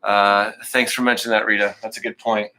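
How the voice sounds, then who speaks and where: Casual, bright-voiced male yoga teacher. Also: on the low side, level tone, fairly quick. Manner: casual, self-joking coaching with breathing cues. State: out of breath. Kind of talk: live online class instruction.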